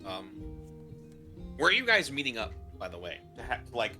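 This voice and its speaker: Guy running a dnd game on stream, really bright voice, lots of likes and ums, little music behind. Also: mid-range voice, huge pitch swings, normal speed. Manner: casual, filler-heavy, thinking aloud. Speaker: game master. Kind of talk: narrating a tabletop game on a stream.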